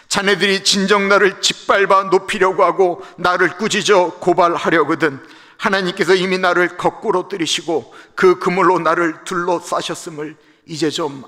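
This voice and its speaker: A man's voice: high-pitched, pushed and bright, pitched above the performer's own voice. A man voicing Job, a suffering, forsaken old man, pleading in a raised, bitter voice. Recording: echoey church sanctuary livestream.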